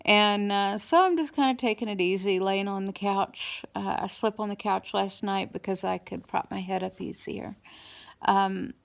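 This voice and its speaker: A woman giving a casual, halting personal update, weary after dental surgery, slightly hoarse, with speech a little impeded by a swollen mouth and new teeth. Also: mid-range voice.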